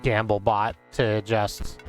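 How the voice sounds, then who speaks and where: A man's voice: on the low side, little pitch movement, slow. A man giving casual video game commentary, thinking aloud in a rambling way as he plays. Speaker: game streamer. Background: music.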